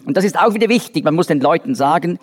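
A man's voice: fairly high pitch, animated, fast talker. A man giving a Bible study lecture, explaining step by step with frequent restarts and fillers. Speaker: Bible teacher. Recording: long reverb of a large hall.

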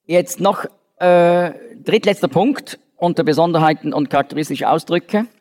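A man's voice: on the high side, moderate pace, darkish tone. A man giving a Bible study lecture, explaining step by step with frequent restarts and fillers. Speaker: Bible teacher. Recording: long reverb of a large hall.

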